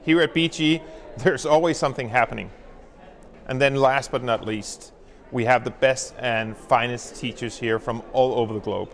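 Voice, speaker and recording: Principal's upbeat welcome in a reverberant hall. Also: male voice, mid-range voice, steady tone, moderate pace. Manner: upbeat, enthusiastic promotional speech. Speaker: school principal. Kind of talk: welcome address.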